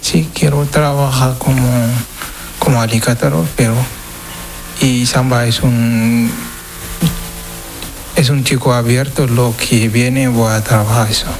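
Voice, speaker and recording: A man's voice: medium pitch, steady tone, noisy background. Hesitant young man from Senegal. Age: 20s. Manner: hesitant, halting non-native Spanish. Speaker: interviewee. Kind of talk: street interview.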